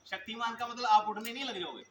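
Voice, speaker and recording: A man's voice: very high-pitched, fast, fairly bright tone. A male coaching teacher giving an earnest motivational speech to students at a school event, telling stories and addressing them directly. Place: school event hall with audience. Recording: echoey hall with noisy ambience.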